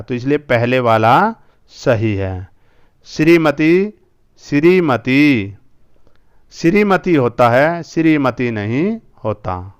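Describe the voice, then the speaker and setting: Slow, clear-voiced man teaching a lesson. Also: medium pitch. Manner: slow, spells out words, repeats each word twice or three times. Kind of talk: school Hindi lesson.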